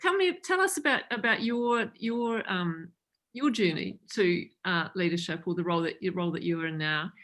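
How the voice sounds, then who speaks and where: A woman's voice: lowish voice, moderate pace, fairly bright tone. A woman from New Zealand moderating a panel, friendly and a little hesitant as she asks questions.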